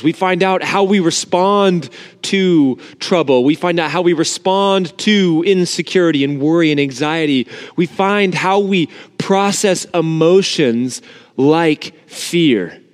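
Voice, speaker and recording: A man preaching an informal, earnest sermon to an empty church sanctuary, his voice carrying the cathedral-like echo of the room. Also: fairly high pitch. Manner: informal, earnest, talks directly to the congregation. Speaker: pastor. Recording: long reverb of an empty sanctuary.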